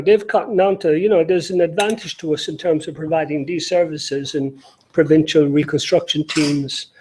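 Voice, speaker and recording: A middle-aged Irish man speaking on a conference panel, his voice mellow and set a little high for a man. He talks loosely, full of fillers, restarts and asides. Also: slightly rough, rough recording. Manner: rambling, many fillers and restarts. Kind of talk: conference talk.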